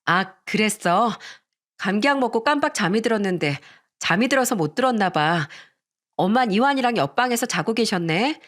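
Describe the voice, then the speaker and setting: A woman's voice: medium pitch, lively intonation, moderate pace, natural voice. A woman playing an evasive young wife. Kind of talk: radio story reading.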